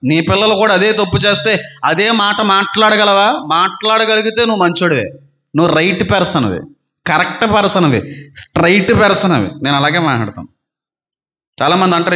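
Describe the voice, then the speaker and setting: A man's voice: high voice, bright, forceful tone, reverberant, muffled recording. A male pastor preaching a sermon, emphatic, repeating phrases in lists and acting out quoted gossip. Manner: acts out quoted gossip in other voices.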